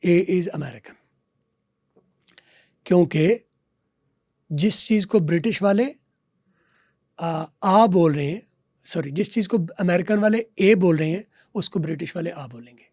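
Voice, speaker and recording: A man's voice: sits high, measured pace, long pauses, a little mellow, dry recording. Male teacher, dry close sound, quizzes and drills example words. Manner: lecturing, repeats example words and asks quiz questions. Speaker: English teacher guest. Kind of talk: podcast interview, explaining.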